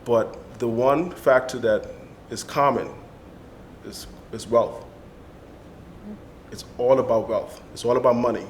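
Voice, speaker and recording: A man speaks earnestly in a panel discussion, building emphasis through repetition. He talks slowly with long pauses, recorded in an echoey room with a low rumble.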